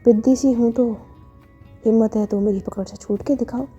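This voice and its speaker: A stubborn, playfully possessive young woman, voiced by a female storyteller teases and coaxes without letting up. Her voice is husky and mellow, sitting a little high. Soft music plays faintly underneath. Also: fairly even intonation, normal speed. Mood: teasing. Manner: coaxing, cheeky and insistent. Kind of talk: story read-aloud with character lines.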